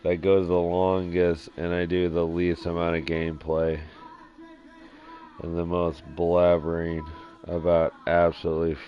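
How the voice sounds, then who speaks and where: A man live-streaming a game from his dim living room, rambling in a sleepy, drowsy monotone. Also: sits low, a little slow. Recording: dull lo-fi stream audio with faint music.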